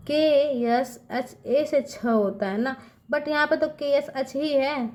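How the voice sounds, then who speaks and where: A woman teaching a patient classroom-style lesson, speaking to the listeners as children and often asking checking questions. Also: high voice.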